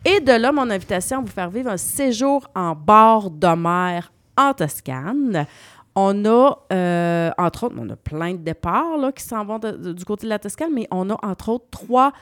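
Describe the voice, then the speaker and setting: A woman's voice: medium pitch, expressive, unhurried, no room sound, studio quality. A woman with a Québécois accent presenting a travel column on the radio, explaining destinations and spelling out names. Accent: Québécois French.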